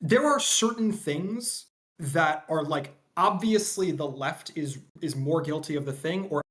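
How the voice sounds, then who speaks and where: A man's voice: on the high side, unhurried, a bit bright. Man whose mic keeps cutting out. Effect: mic audio cutting out in dropouts. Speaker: debate guest on a livestream. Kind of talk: casual online debate.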